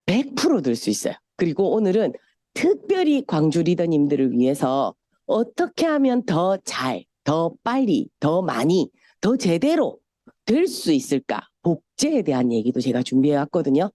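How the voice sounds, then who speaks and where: Her voice sits low but swings widely in pitch, moving at a moderate pace with a mellow quality. She's a middle-aged woman from Busan with a Gyeongsang Korean accent, delivering a chatty, story-driven motivational seminar talk and now and then mimicking voices, all in clean studio sound without echo.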